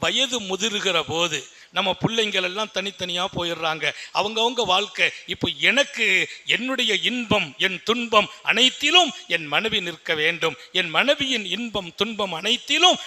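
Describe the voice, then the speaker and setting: Guy preaching a sermon, really high voice, goes quiet for stories then loud, repeats himself a lot. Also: normal speed. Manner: swings between hushed low storytelling and loud high-pitched exhortation; uses repetition and rhetorical questions. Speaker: Islamic preacher.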